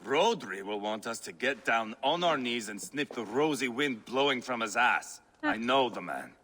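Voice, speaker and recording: A boastful, mocking Viking warlord. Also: male voice, mid-range voice, expressive, normal speed, sharp tone. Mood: scornful. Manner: mocking, crude and taunting. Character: brash scarred Viking warlord, boastful and scornful. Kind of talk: video game dialogue.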